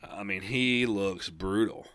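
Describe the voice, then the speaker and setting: A man's voice: on the low side, takes it slowly, a bit bright, no echo, studio quality. A young man co-hosting a casual gaming podcast, rambling and enthusiastic, laughing often. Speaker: podcast co-host.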